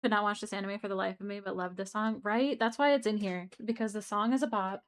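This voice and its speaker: A young woman streams late at night in a loose, chatty way, looping back on herself and tossing remarks to her chat as she goes. Her pitch sits at an ordinary middle height for a woman. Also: fairly even intonation, fast talker, clear, resonant tone. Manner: rambling and chatty, with frequent restarts and asides to chat. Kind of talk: casual livestream chat.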